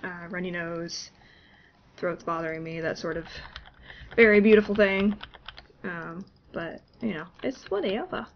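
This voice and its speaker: A woman with a cold speaks a little slowly in a low, congested voice; the sound is lo-fi with a slight hiss or hum. She's a gaming YouTuber giving casual commentary on a desktop mic, without a webcam, chatty and laughing at her own expense.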